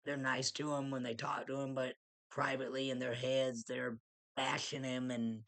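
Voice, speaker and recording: A man's voice: medium pitch, little pitch movement, normal speed, creaky, fairly bright tone. A man casually reviewing a movie, rambling with frequent restarts and small chuckles.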